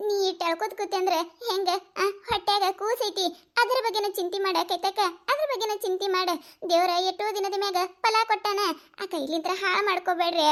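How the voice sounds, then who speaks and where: A woman with a North Karnataka Kannada accent voices village women in a cartoon comedy. Her voice sits very high, and she swings between chiding and wailing. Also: fairly even intonation, a little fast, fairly bright tone. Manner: plays several village women, scolding and wailing. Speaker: voice artist for village cartoon characters.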